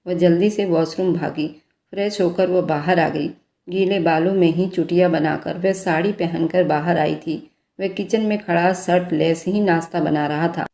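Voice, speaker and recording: Woman narrator, romance story reading, low voice, mellow, roomy echo.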